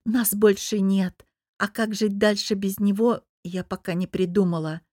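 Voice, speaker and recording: A woman reading a first-person audiobook in an even, measured storytelling voice. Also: mid-range voice, no room sound, studio quality. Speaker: audiobook narrator.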